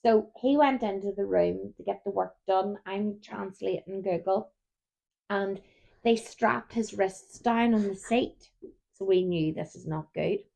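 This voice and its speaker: A woman's voice: mid-range voice, measured pace, creaky, dark tone. A woman, co-hosting a casual chat show and telling stories while yawning often. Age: 30s. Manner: chatty storyteller, keeps yawning. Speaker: podcast co-host.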